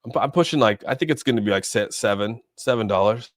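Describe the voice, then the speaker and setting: Speaking quickly in a lowish voice, a man runs a laid-back livestream where he riffs on crypto markets and replies to viewers as thoughts come to him. There's no echo, and the audio is studio grade.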